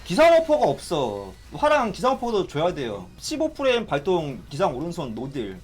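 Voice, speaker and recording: A man giving excitable live commentary on a fighting game, exclaiming and complaining as he plays. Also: a little high, moderate pace. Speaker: gaming streamer.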